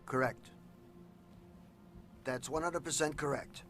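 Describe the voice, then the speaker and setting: A man's voice: a little high, steady tone, slow pace, a bit bright, soft background music. A man reasoning through a problem in a methodical way.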